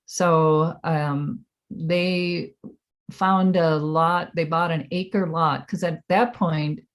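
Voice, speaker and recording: An American woman in her seventies reminiscing in an oral history interview, halting and reflective as she recalls. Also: sits low, steady tone. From Minnesota, United States. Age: 70s.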